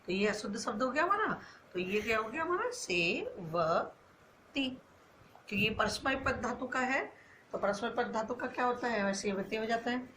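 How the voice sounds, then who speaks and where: Bright-voiced woman teaching a class. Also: fairly high pitch, lively intonation, slight background noise. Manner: asks questions and answers them herself, drawn-out words. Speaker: school Sanskrit teacher. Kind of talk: online class lesson.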